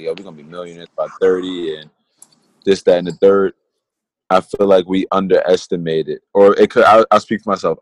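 A man's voice: low voice, no room sound. A man in his twenties co-hosting a casual podcast, talking in an earnest, reflective way and often restarting and repeating phrases. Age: 20s. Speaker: podcast co-host.

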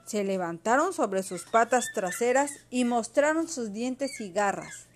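A woman reading a children's storybook aloud to a child, expressive and patient. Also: fairly high pitch, a little slow, a little hiss or hum.

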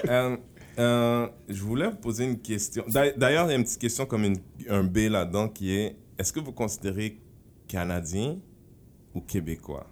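A man's voice: lowish voice, a little slow, long pauses, a little mellow, slight background noise. A man hosting a casual discussion who switches between French and English mid-sentence while asking questions.

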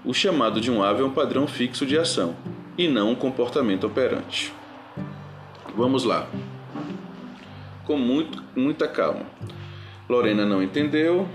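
A man's voice: medium pitch, roomy sound. A man teaching an online lecture in a patient, reassuring manner and answering students' questions.

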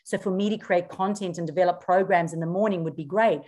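A woman's voice: fairly low pitch, fairly even intonation, fast, dark tone. A middle-aged woman from South Africa whose accent is blended with Australian, answering interview questions in an earnest, explanatory way with frequent ums. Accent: South African mixed with Australian. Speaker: podcast guest, social media coach.

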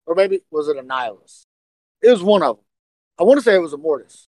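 A man co-hosting a casual podcast, talking excitedly and speculating, often stumbling and repeating words. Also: fairly high pitch, fast talker, no echo, low-quality recording. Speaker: podcast co-host.

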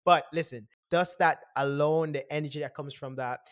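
A man's voice: a little high, fairly even intonation, normal speed, no room sound, studio quality. A man hosting a podcast in a casual, rambling way, repeating phrases for emphasis. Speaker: podcast host. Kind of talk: casual chat.

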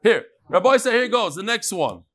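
Man, slightly high voice, informal religious teacher, conversational, mixes with Hebrew-Aramaic terms. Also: sing-song, moderate pace, fairly bright tone. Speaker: religious teacher leading a Talmud class. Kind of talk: informal Talmud lesson, reading and explaining.

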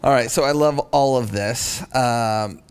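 A man hosting a podcast interview, easygoing, prompting his guest with quick questions. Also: mid-range voice, clear, resonant tone. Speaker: podcast host. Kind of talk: casual interview.

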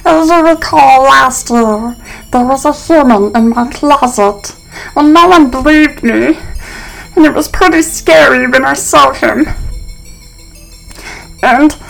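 A woman's voice: high voice, gravelly, fairly bright tone, pitched above the performer's own voice, exaggerated voice, rough recording. A woman doing a playful little monster. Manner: bouncy, sing-song delivery. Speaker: host.

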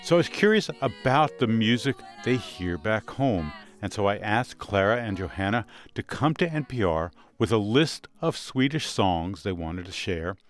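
Animated male podcast host. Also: lowish voice, moderate pace, few pauses, soft background music. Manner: animated, curious questioning. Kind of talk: radio podcast intro and interview.

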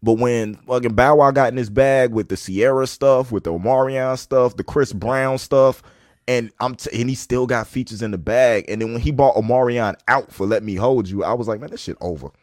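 A man co-hosting a casual podcast, telling stories in an animated way with many restarts. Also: medium pitch, normal speed, no room sound, studio quality. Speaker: podcast co-host. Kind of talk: casual chat.

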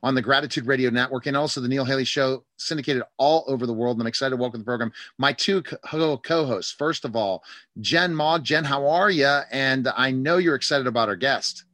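A man's voice: medium pitch, a little fast, fairly bright tone, dry recording. A man hosting a radio interview show in a conversational, chatty style.

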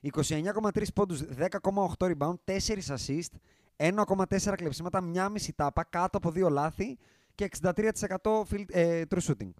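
Male podcast host, emphatic and animated, slightly high voice, dry sound. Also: dry recording. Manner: animated, emphatic, quick swings in loudness. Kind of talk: casual sports chat.

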